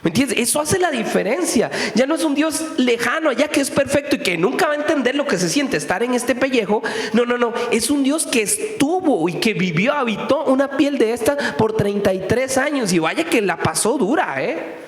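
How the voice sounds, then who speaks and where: Man, sermon, conversational, rhetorical questions, long echo, high voice. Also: lively intonation, normal speed. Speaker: pastor. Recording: echoey hall with long reverb.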